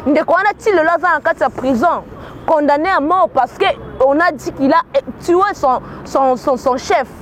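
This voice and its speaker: An unhurried woman from Kinshasa, her high voice carrying a Congolese accent, gives sincere spoken commentary that mixes Lingala with French. She often repeats words while reaching for them. Slight background noise runs underneath.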